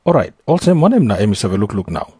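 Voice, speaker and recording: Husky Papua New Guinean interrogating Pharisee. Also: male voice, on the low side, sing-song, racing, dark tone, no echo, clean studio sound, exaggerated voice. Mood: stern questioning. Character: stern, suspicious male Pharisee interrogator. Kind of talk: dramatised scripture reading.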